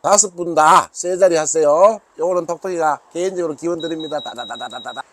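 A man's voice: on the high side, steady tone, brisk, a bit bright, no room sound. A man in his sixties with a Gyeongsang accent, a rod maker chatting to camera about his product, joking and calling himself by his nickname. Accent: Gyeongsang Korean. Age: 60s. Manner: jokey, calls himself by nickname, bantering with himself. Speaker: fishing rod maker and seller. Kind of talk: casual product talk to camera.

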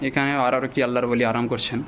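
A man giving a walking-tour vlog narration, speaking in a deliberately hushed, reverent way. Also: medium pitch, level tone, muffled recording. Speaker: vlog host and guide. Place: outdoors in a cemetery. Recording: clearly noisy on-location ambient sound.

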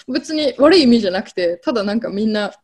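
A young woman talks easily as an interview guest, her voice sitting a little high. She rambles in a relaxed way, filling pauses with small hesitations and restarting her sentences. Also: slightly rough. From Germany. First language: German. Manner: chatty, many fillers and restarts. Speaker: interviewee, German teacher. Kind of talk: casual conversational interview.

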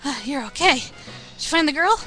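A woman's voice: high voice, lively intonation, brisk, a bit bright. A woman streaming a game and reading character dialogue aloud in a casual, earnest way, with game music behind her. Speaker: let's play streamer voicing game characters.

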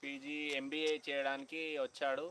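A young man from Telangana with a Telangana Telugu accent, chatting loudly with viewers on a phone live stream outdoors on a college campus, half-shouting and greeting people by name. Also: medium pitch, little pitch movement, moderate pace, noisy background. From Telangana, India. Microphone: phone held at hand, no external mic.

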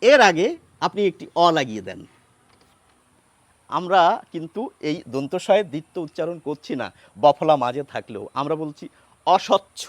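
A man teaching as he writes, patient and unhurried, pausing often with fillers. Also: on the high side, very animated, dry recording. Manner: patient, with many pauses and fillers. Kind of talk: explaining Bengali pronunciation at a board.

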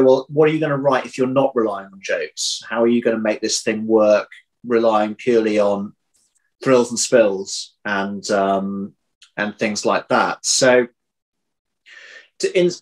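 In a low-quality recording made in a room at home, a mid-pitched man in his thirties talks about his audio drama writing during an interview, sitting a little away from the computer. His manner is reflective and conversational, often halting to rephrase, and he modestly downplays himself.

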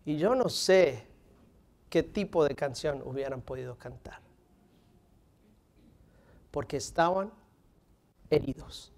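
Animated preacher man, higher voice. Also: slow, long pauses. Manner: animated preaching, dropping to near whispers for emphasis. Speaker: pastor. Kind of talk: sermon. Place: stage in front of a curtain, indoors.

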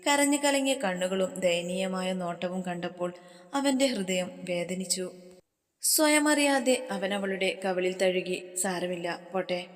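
Woman narrator, low voice, reverberant hall sound, dramatic storybook reading. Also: animated, a little slow. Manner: reads all parts herself, dramatic.

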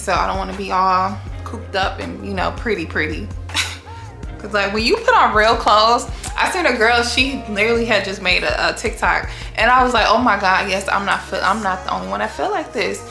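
A woman's voice: mid-range voice, creaky, pushed and bright. A young woman vlogging casually about her outfit and perfumes, then talking to a close-held phone camera in a gym locker room, rambling and correcting herself as she goes. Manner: chatty, rambling, self-correcting. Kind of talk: casual get-ready-with-me vlog talk.

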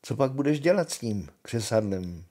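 A brash young soldier from a bedtime storybook, read by an older man, bold and cheeky. The husky voice stays near the reader's own but bounces with lively pitch.

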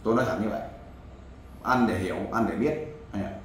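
A man's voice: fairly low pitch, brisk. A man giving blunt, lecturing advice and cutting in often. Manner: blunt, lecturing, talks over the other man. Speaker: volunteer advisor helping a man find his wife. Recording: echoey room with faint background noise.

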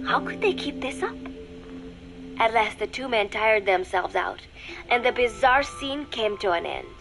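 A woman voicing a reserved teenage girl recording an audio diary for a game, speaking in a measured, formal way that drops softly toward a whisper. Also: a little high, creaky, low-quality recording. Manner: measured, formal, quiet with soft whispered dips.

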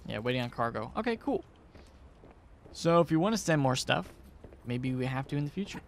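A man's voice: medium pitch, very animated, brisk, vocal fry, slight background noise. A man giving let's play commentary, chatty and thinking aloud as he plays, often unsure of himself. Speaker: gamer.

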